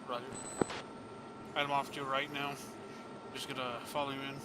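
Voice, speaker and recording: A man's voice: medium pitch, level tone, brisk. A man making clipped, matter-of-fact military pilot calls in a flight sim, sounding as if through oxygen mask radio. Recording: very noisy cockpit radio channel.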